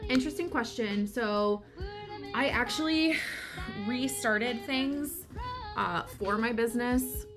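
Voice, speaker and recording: Speaking slowly in a voice on the high side, a tired, chatty American woman with a Michigan accent hosts a co-working livestream. She rambles, makes self-deprecating remarks, and answers chat questions in casual conversation with viewers, with lofi music in the background.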